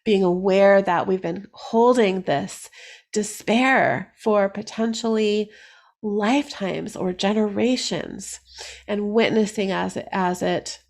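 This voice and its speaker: A woman's voice: mid-range voice, slow pace, vocal fry. A woman talking casually as an energy healing teacher, rambling with many fillers and restarts. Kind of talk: casual solo talk to camera.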